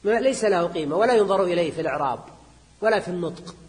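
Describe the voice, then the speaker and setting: A man teaching grammar as a sheikh, reading a text and then explaining it, repeating phrases and quizzing students with quick questions. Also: sits high, animated, a little mellow. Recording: reverberant lecture hall.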